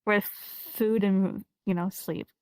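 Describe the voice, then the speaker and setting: A woman's voice: medium pitch, fairly even intonation, slow, clean tone. A woman chatting casually during a roleplay game, rambling with lots of fillers and restarts. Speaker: roleplay streamer.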